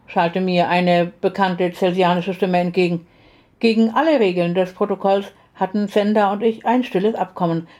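A woman narrating a first-person story in an audiobook style. Her reading is steady and expressive, and her voice carries a dark, mellow tone. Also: fairly low pitch. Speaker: audiobook reader.

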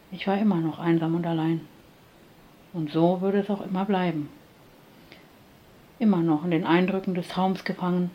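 A woman reads a first-person story aloud in a soft, calm manner. Her voice sits slightly low. The sound is dull and lo-fi. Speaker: audiobook narrator.

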